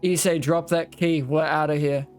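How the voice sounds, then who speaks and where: A man's voice: on the high side, fairly even intonation, normal speed. A man playing a tabletop role-playing game, talking casually and directing the group. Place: online voice call. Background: background music.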